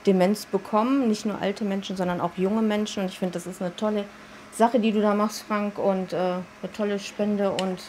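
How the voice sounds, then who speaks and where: Woman speaking fast in an interview. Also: mid-range voice, fairly even intonation, darkish tone, slight background noise. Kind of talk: interview statement.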